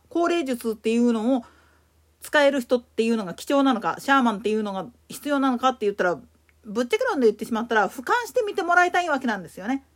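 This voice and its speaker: A woman with a Kansai accent giving a solo explanatory talk as a podcast host, emphatic in her delivery. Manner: explanatory, emphatic, lively pitch swings.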